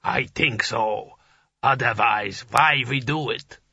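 A colossal, slow-witted ice giant, voiced by a man, rumbling in plodding broken grammar. The tone stays bright and a little husky. It sounds dull and dry, like a close studio read. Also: no room sound, heavily acted. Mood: blunt, rumbling.

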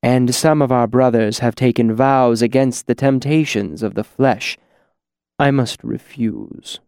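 A man voicing a cold, pious male church justice who speaks softly and slowly with false regret in a storybook reading. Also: mid-range voice, very animated, dry recording, clean studio sound. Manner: soft, slow, mock-regretful.

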